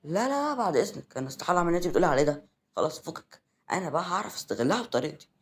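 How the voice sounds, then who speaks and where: A man's voice: a little high, very animated, rapid-fire. A man voicing a sly, pushy young woman in an Egyptian accent, in a read-aloud audio story.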